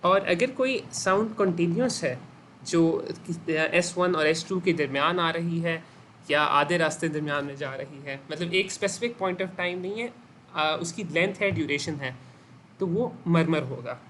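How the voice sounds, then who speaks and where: A man's voice: on the high side, unhurried, a bit bright, a little hiss or hum. Man with a Pakistani Urdu accent, lecturing on medicine. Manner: asks students questions and repeats their answers; mixes English medical terms into his talk. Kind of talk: classroom lecture.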